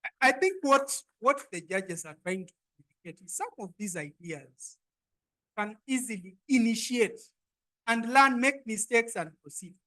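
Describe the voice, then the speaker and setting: A woman hosting a live pitch competition, exhorting the audience and repeating her instructions. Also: lively intonation, moderate pace, sharp tone, low-quality recording. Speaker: event host and emcee. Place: live event before an audience.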